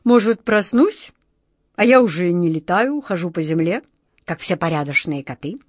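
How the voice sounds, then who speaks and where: A woman voicing a melancholy, lazy male house cat who talks in an unhurried way. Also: lowish voice, expressive, a little mellow, no echo, studio quality.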